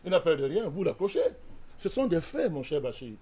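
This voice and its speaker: Arguing his point insistently in a heated political debate, a panelist from Cameroon keeps calling the host by name. He speaks a little fast in a sing-song voice on the high side, dark in tone with a breathy edge.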